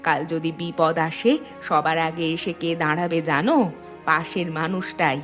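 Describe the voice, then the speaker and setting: In a Bengali cartoon, a woman voices a principled village woman who speaks earnestly and moralizes with a reproving mood. Her voice is low and steady, slightly bright, at a normal speed, with music playing behind it.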